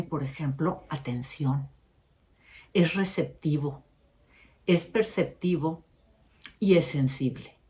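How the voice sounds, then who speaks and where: Low-voiced woman. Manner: expressive, shifts pitch and pace to stress points. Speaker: educator presenting a short episode. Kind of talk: educational talk.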